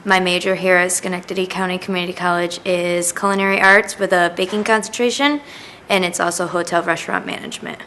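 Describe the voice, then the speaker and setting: A woman's voice: lowish voice, sharp tone, slight background noise. A woman from upstate New York, a culinary arts student describing her path in a plain, matter-of-fact way. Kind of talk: interview testimonial.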